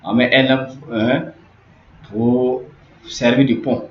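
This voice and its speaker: A man's voice: mid-range voice, flat delivery. Man teaching grammar in an echoey room. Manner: repetitive, explanatory, slowly repeats key words. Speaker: language teacher. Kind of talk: online grammar lesson. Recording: roomy, dull lo-fi audio with faint hiss.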